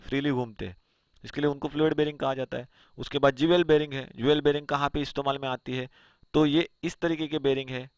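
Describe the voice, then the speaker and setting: Walking through his slides, an engineering lecturer asks himself rhetorical questions and then answers them. He speaks at a medium pitch, with no room sound.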